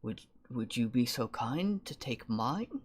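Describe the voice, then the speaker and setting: A man voicing a frail, devout old cleric who speaks gently and humbly, in a slow, soft and halting way. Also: mid-range voice, big pitch swings, slightly rough, exaggerated voice. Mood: humble, gentle.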